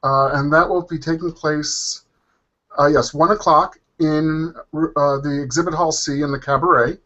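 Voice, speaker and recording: A man's voice: on the high side, fairly even intonation, measured pace, bright, forceful tone. A man talking casually as a panel guest, hesitant and full of ums and uhs. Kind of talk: casual chat. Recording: dull lo-fi audio.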